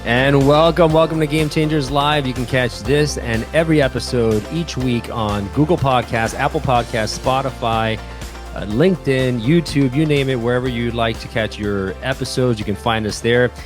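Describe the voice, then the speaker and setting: A man's voice: medium pitch, normal speed, over music. A man hosting a podcast interview, upbeat and delivering a scripted show intro. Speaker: podcast host.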